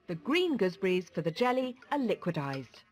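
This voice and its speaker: A woman's voice: medium pitch, very animated, fairly quick. A woman with a British accent reading scripted cookery narration as a presenter. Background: music.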